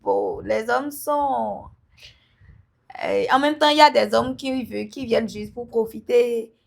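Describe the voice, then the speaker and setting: A woman, an entrepreneur being interviewed, talking emphatically and now and then calling out loudly to her listeners. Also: fairly high pitch, a little slow, vocal fry. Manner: emphatic, breaks into loud calls to listeners; laughs between remarks. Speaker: entrepreneur guest. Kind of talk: casual interview chat.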